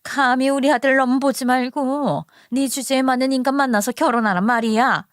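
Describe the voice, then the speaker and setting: A woman's voice: sits high, fairly even intonation, moderate pace, no echo, natural voice. A woman voicing a haughty, snobbish middle-aged mother-in-law who talks down with scornful insults, in a told story. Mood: contemptuous.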